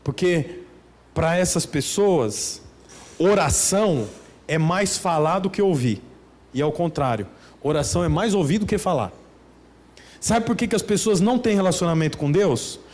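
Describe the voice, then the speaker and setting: A man from Brazil preaching a church sermon as pastor, dropping into hushed mock prayers and rising as he drives his points home. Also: lively intonation, normal speed. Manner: acts out mock prayers in a hushed, pleading voice, then rises in pitch to preach.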